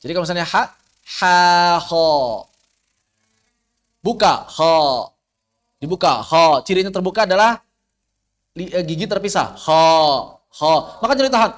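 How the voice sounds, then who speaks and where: High-pitched Indonesian man, over-enunciating teacher. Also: lively intonation, brisk, a bit bright. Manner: over-enunciates, drawing out sounds and syllables to demonstrate; instructive, with repeated examples and rhetorical questions. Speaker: Quran recitation teacher. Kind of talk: live lesson on Arabic pronunciation.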